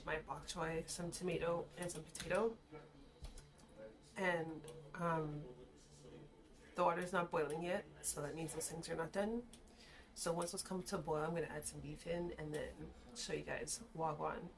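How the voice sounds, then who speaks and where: A woman's voice: low-pitched, fairly even intonation, normal speed, vocal fry. A tipsy woman chatting casually to camera as she hosts a food video, slangy and given to swearing. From Caribbean background. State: tipsy from shots. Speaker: mukbang and drunk-cooking video host. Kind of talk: casual chat to camera while eating and cooking.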